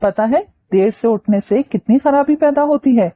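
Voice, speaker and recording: A woman's voice: a little high, normal speed, muffled recording, natural voice. Woman voicing a teasing young man. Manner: mocking, teasing.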